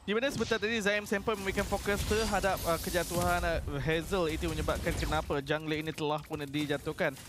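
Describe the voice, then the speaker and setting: A man's voice: on the high side, fairly even intonation, fast, few pauses. A man with a Malaysian accent giving live esports commentary and analysis. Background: music.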